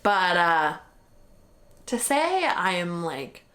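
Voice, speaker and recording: A woman's voice: on the low side, very animated, drawn-out words, sharp tone. Chatty, candid young woman vlogger. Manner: candid and chatty, heavy with "like" and mild swearing. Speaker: vlogger recapping a marathon. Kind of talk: casual chat.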